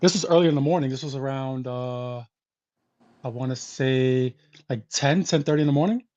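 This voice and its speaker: A man co-hosting who retells a story in a rambling, halting way. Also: medium pitch, mellow, lo-fi sound. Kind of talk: casual storytelling.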